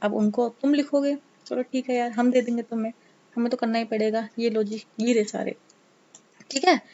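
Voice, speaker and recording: Casual exam-prep teacher, a woman, teasing and coaxing, higher voice, muffled audio. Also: fairly even intonation, moderate pace, warm tone, a little hiss or hum. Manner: chatty, coaxing, teasing students; mixes English terms into Hindi. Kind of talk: casual Hindi lecture. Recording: dull lo-fi sound.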